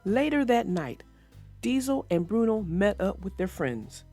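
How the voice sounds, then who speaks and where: Speaking straight to her young readers, this woman hosts an expressive read-aloud and chat, her medium-pitched voice mellow and very animated. She takes her time, and faint music sits behind her.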